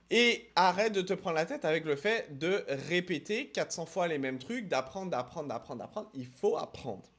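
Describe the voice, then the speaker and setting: Emphatic high-voiced French man. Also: a bit bright. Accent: French accent when speaking English. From France. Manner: emphatic, repeats words for stress; addresses viewer directly with quick asides. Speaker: English teacher. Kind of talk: casual video lesson.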